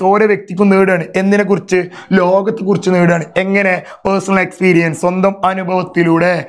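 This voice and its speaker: A man with a notably high-pitched voice teaches an exam revision lesson. He keeps checking in with his students through quick rhetorical questions and explains with homely examples. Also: darkish tone.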